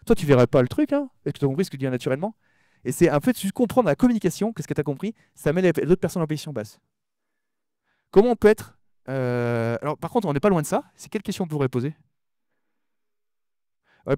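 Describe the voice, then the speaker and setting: A man giving a conference talk to an audience. He talks fast, mumbles his words, and often repeats himself and restarts sentences. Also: fairly high pitch, expressive, dark tone, no room sound, clean studio sound. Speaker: conference speaker.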